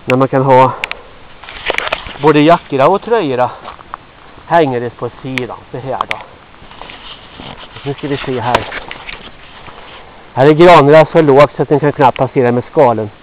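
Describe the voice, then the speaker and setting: A man in his sixties from Sweden rambling gruffly to himself on a walk through a forest, sweaty and a little out of breath. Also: mid-range voice, long pauses, background noise. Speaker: vlogger. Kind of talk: rambling walk-and-talk monologue. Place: outdoors in a forest. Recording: dull lo-fi outdoor recording.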